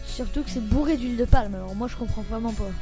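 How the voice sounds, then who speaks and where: A young woman hosts a quirky news bit on a student radio show. Her voice sits a touch high and mellow in tone, with a faint music bed underneath. Her delivery is lightly mocking and brisk. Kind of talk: school radio news segment.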